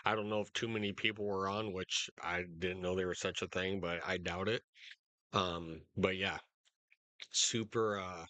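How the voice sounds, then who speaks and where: A man hosting live storm coverage in a casual, unscripted, halting way, speaking directly to his viewers. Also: deep voice, sharp tone, dry recording. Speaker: storm-coverage livestream host.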